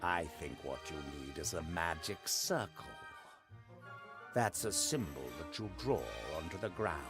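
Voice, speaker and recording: An actor playing a self-assured, pedantic ghost-trapping expert in an adventure game, lecturing with deliberate emphasis. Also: male voice, deep voice, animated, music in the background. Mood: matter-of-fact. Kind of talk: acted adventure game dialogue.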